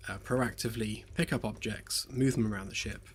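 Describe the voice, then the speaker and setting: While building a game on a live stream, a man chats in a relaxed, rambling way, full of fillers, hesitation and self-deprecating jokes. His fairly low voice is slightly hoarse as he loses it, with fairly even intonation and a brisk pace. Faint lo-fi music plays behind him.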